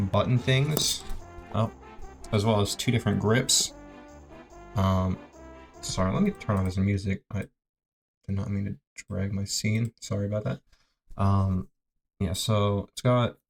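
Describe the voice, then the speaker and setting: A man giving a casual, unscripted product review in a low-key, halting way, thinking aloud, his mouth sore after oral surgery. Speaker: presenter reviewing a gaming tablet.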